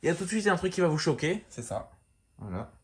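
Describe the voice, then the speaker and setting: A man giving a casual show-and-tell of a lamp, talking in a relaxed, rambling way full of fillers and restarts. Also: fairly high pitch, quick pace. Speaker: lamp collector showing a fixture.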